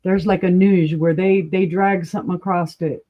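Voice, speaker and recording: A woman's voice: fairly low pitch, steady tone, normal speed, muffled recording. A woman hosting a live-stream vintage glass auction, chatting casually and describing each piece with asides. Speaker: online glass auction host.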